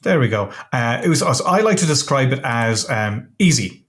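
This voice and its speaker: An Irish man hosting a relaxed interview, talking in a halting way and often stopping to restart his sentences. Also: medium pitch. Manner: hesitant, halting, full of self-interruptions. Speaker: podcast host interviewing a comics artist. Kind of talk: casual interview chat.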